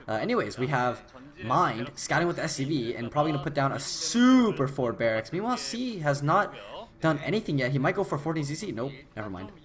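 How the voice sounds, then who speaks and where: A male commentator calls a video game match on his own in a loose, rambling way, swearing casually and breaking into excited shouts. His pitch swings widely and sounds lively. His voice is tired and his throat is dry. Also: a little fast. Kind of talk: casual esports play-by-play commentary. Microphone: new desktop microphone.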